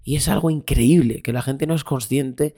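A young man from Spain, a boxer guesting on a podcast, telling stories in an animated, casual way and acting out quoted voices. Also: medium pitch, moderate pace. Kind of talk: casual interview chat.

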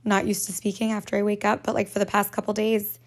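A woman hosts a casual solo podcast, her medium-pitched voice raspy and hoarse from just waking up. She talks quickly with a completely flat delivery, rambling along, laughing often and swearing casually.

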